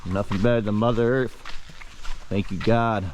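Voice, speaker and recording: A man's voice: fairly low pitch, steady tone, normal speed, darkish tone, a little hiss or hum. A man from Germany giving casual, slangy, joking vlog commentary to viewers outdoors on an action camera. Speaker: travel vlogger. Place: outdoors on a jungle waterfall trail.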